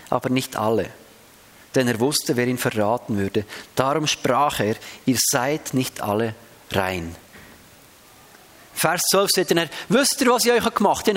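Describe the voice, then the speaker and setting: A man's voice: a little high, fairly bright tone. A man preaching a sermon, reading scripture aloud with shifting emphasis and talking to the congregation in a conversational way.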